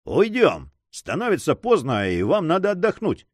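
A man's voice: a little high, huge pitch swings, moderate pace, dry recording, pitched above the performer's own voice. A man voicing a bold, brash young male adventurer in a read-aloud story, dry close sound. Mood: confident. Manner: brash, self-assured.

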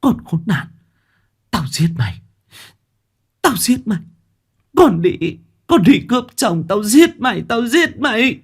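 A man's voice: sits high, big pitch swings, measured pace, pauses often, husky, voice pushed up, full character voice. A man voicing a furious, betrayed young village wife who screams and accuses. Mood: shrieking, furious. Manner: screaming, hysterical.

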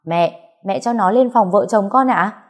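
A woman voicing a fierce young wife who shouts combative, loud retorts. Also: medium pitch, a little slow, voice pushed up, natural voice. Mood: pleading defensive.

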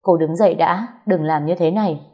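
A woman voicing a grave, measured male doctor. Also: lowish voice, dull audio, natural voice.

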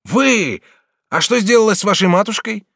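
A man's voice: mid-range voice, animated, moderate pace, no room sound, clean studio sound, close to an everyday voice. A man reading an audiobook voices a kindly, easily moved middle-aged prince regent, exclaiming and questioning with raised emotion. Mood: agitated. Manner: exclaiming, warm and agitated.

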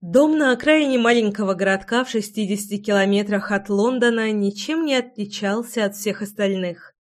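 A woman narrating a fantasy audiobook with an expressive, dramatic reading. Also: medium pitch, moderate pace. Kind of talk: scripted narration.

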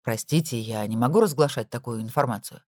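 A polite, reserved male driver from a storybook, speaking low and formally, as a woman narrator puts him on. The recording is dry and close. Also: brisk, a little mellow, dry recording.

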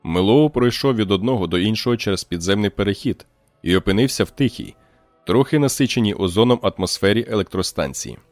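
A man narrates an audiobook in a steady, even reading voice, pitched on the low side. The recording is dry and close. Soft music plays faintly beneath him. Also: fast talker, dry recording. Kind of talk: scripted narration.

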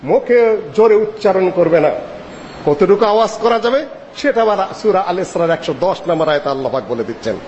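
A man with a high voice delivers a sermon, chanting Arabic verses and explaining them in lively, swinging tones. The recording is dull and lo-fi, with a long reverb tail from the hall. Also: brisk, slight background noise. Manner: animated, swings pitch widely for emphasis. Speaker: Islamic preacher.

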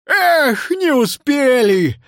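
A woman's voice: low voice, very animated, moderate pace, darkish tone, dry recording, clean studio sound. A woman voicing a flustered bearded male class teacher who talks in exclamations and lectures. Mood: dismayed.

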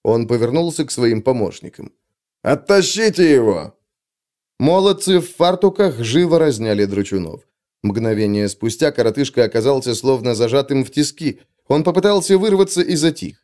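A man reading an adventure story aloud as narrator, in steady, dramatic storytelling. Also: mid-range voice, brisk. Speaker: audiobook narrator. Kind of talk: scripted narration.

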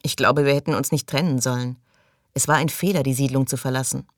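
A woman reading a calm, self-assured man. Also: rumbling low, no echo, studio quality. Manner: unruffled, measured.

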